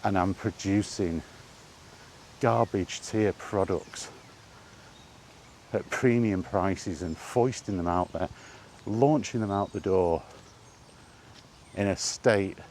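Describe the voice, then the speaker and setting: A British man with a deep, slightly mellow voice takes it slowly and pauses often. Like a gaming vlogger chatting while out walking, he delivers an unscripted, exasperated rant full of swearing and repetitive rhetorical questions, with clear background noise from the outdoor recording.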